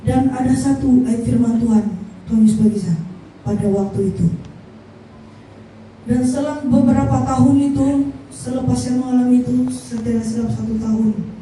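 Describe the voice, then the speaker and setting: A woman giving a halting, earnest personal testimony at a church service, slowing down to stress her words. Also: fairly high pitch, steady tone, warm tone. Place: large echoey church hall. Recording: echoey hall from far off, faint noise.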